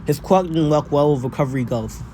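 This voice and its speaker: A man's voice: fairly high pitch, brisk, warm tone, a little hiss or hum. A man casually narrating a fan-made story off the cuff, often restarting and repeating his phrases.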